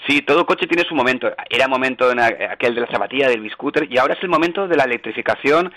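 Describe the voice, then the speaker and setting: A man's voice: mid-range voice, lively intonation, fast, sharp tone. A man hosting a radio interview, asking questions and summing up in a chatty way with filler sounds. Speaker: radio host.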